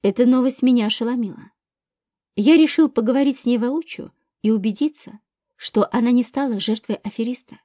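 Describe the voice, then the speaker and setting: A woman reading a grown son under police questioning, giving calm, measured answers in her own voice. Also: fairly high pitch, no echo, studio quality, natural voice. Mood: restrained.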